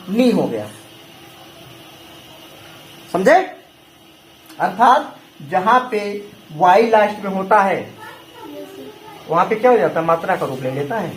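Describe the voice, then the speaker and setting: A man teaching a class, quizzing his students with the same question over and over. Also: high voice. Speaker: English teacher. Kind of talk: classroom lesson with call-and-response. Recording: echoey room with faint noise.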